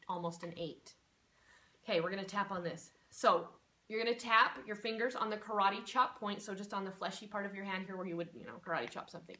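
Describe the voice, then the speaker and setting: A woman's voice: medium pitch, distant mic. Woman guiding a tapping session. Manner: chatty, lists emotions in soft murmurs while tapping. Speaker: tapping instructor. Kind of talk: guided self-help demonstration.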